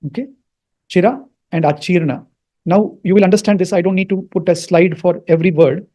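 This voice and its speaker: A man's voice: high voice, fairly quick, mellow, highs cut off. A man teaching Sanskrit mantras, with an Indian accent, patiently repeating words and checking that listeners follow.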